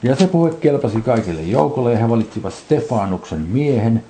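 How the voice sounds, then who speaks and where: A man's voice: mid-range voice, animated, dark tone, a little hiss or hum. A man preaching a sermon, reading scripture aloud and explaining it to the congregation.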